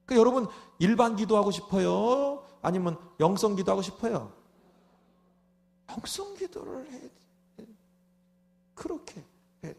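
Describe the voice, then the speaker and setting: A man preaching at a revival meeting in a high, bright-pitched voice. He talks in an animated way, firing off rhetorical asides and acting out prayers. At times he swells into loud, fervent shouted prayer. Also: a little slow, gravelly, pauses often. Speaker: pastor.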